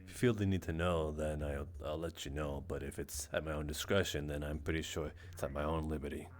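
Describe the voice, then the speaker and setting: A man playing a guarded, questioning security worker in an online role-play, speaking haltingly and repeating himself. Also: very deep voice, fairly even intonation. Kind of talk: improvised in-character role-play in an online game.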